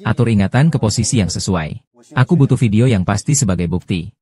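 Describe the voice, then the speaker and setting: Deep, mellow-voiced man reading a drama. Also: expressive, a little fast. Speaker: drama recap narrator voicing every character. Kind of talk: dubbed drama recap.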